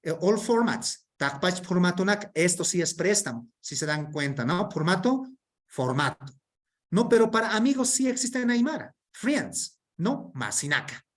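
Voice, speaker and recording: A man's voice: high-pitched, sing-song, normal speed, hardly any pauses. A man presenting an online workshop, reading through a term list in an explanatory way and often checking in with tag questions.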